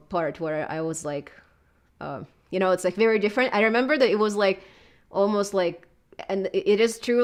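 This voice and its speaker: A woman in her thirties from southern Russia, with a Russian accent, who chats casually and hesitantly in an interview and fills her talk with many filler words. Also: fairly low pitch. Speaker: YouTuber being interviewed.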